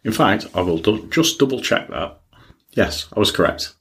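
A man's voice: lowish voice, lively intonation, moderate pace, husky. A man co-hosting a podcast, chatting casually about music news in blunt, dry short replies. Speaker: podcast co-host.

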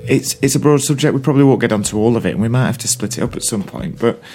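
A man's voice: mid-range voice, very fast, a little mellow, soft background music. A man, chatting casually as a podcast co-host and thinking aloud as he talks. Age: 20s. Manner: rambling, thinking aloud with restarts. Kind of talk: casual chat.

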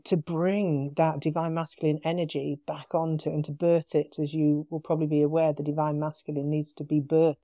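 A woman with a British accent, a podcast guest, telling her story in a casual, animated way with quoted dialogue. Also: low voice, a little fast, few pauses, no echo, clean studio sound. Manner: animated retelling with quoted dialogue, frequent laughs.

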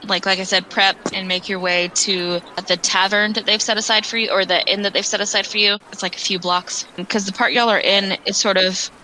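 A woman's voice: medium pitch, flat delivery, brisk, few pauses, sharp tone, a little hiss or hum, low-quality recording. A woman running a tabletop game, narrating casually and loosely with restarts. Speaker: game master.

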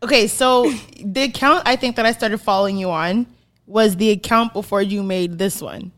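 A woman's voice: medium pitch, moderate pace, fairly bright tone. A woman hosting a podcast, asking questions in a casual, swearing way. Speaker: podcast host. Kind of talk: casual chat.

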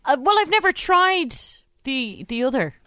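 A woman's voice: high-pitched, sing-song, moderate pace, sharp tone, dry recording, clean studio sound. A woman with an Irish accent co-hosting a radio show with chatty, informal delivery. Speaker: radio co-host. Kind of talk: casual radio banter and prize read.

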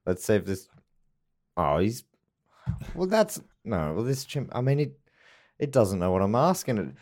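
A man's voice: lowish voice, very animated, moderate pace, darkish tone. A man co-hosting a podcast, playful and mock-serious, stumbling over long words as he reads. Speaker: podcast co-host. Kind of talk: casual comedic chat.

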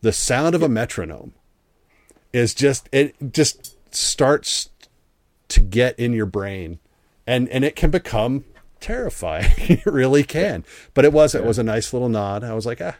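A man's voice: mid-range voice, animated, unhurried, darkish tone, no room sound. A man with an American accent hosting an interview, chatty and rambling with frequent restarts. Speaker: podcast host. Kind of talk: casual interview chat.

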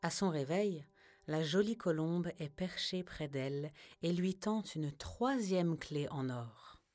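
Slow gentle woman storyteller. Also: sits low, dry recording. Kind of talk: scripted children's story narration.

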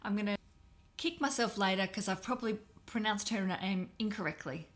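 A woman in her thirties co-hosts a podcast in relaxed, chatty banter. Her voice sits at a middle pitch, and she laughs easily and swears without much thought. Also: normal speed. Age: 30s. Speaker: podcast co-host. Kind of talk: casual chat.

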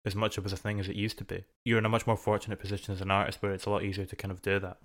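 A man's voice: fairly low pitch, level tone, very fast, a bit bright. A man interviewing a musician in a casual, curious way, asking follow-up questions.

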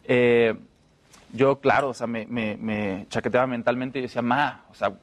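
Mexican man telling stories, relaxed. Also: medium pitch, normal speed. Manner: relaxed storytelling, fillers and restarts. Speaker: actor, guest. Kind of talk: casual interview chat.

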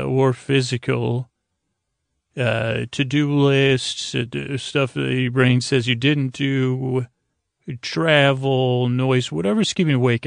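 A man hosting a podcast for falling asleep drifts through a meandering, halting monologue, his gravelly, creaking voice staying almost flat in pitch. The effect is calm and lulling, and the audio is close and dry without any room echo.

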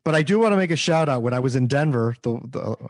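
A man with a mid-range voice hosting a relaxed chat. He talks in an easygoing way and gives his opinions freely. The sound is dry and close. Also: medium pitch, fast talker, no room sound. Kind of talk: casual chat.

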